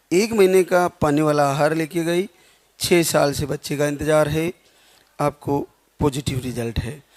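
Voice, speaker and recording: A man's voice: a little high, darkish tone. A man hosting devotional interviews, asking short questions and offering blessings.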